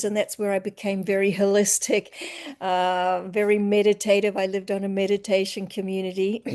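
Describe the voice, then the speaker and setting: A woman chats in a relaxed, reflective way about her coaching work. Her voice sits in an ordinary middle pitch, and she often lets her phrases fade softly. The overall feel is an easygoing interview conversation. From New Zealand. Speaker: empowerment coach. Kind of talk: casual interview chat.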